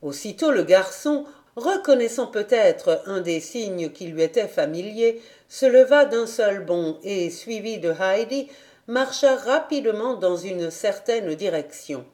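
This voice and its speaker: A woman reading a children's novel aloud as an audiobook, in an expressive, measured way. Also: medium pitch. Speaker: audiobook reader. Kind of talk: storybook narration.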